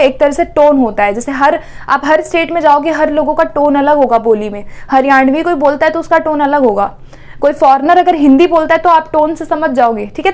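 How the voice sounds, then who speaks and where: A woman teaching an exam-prep lesson, explaining step by step, asking questions and answering them herself, often checking in with "theek hai". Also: sits high.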